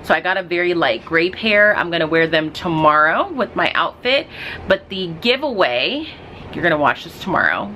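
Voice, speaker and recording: Teacher-vlogger, female, low-pitched, casual chatty delivery with fillers. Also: animated, moderate pace, pushed and bright, slight background noise, poor audio. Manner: chatty, rambling with many ums. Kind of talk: casual daily vlog talk.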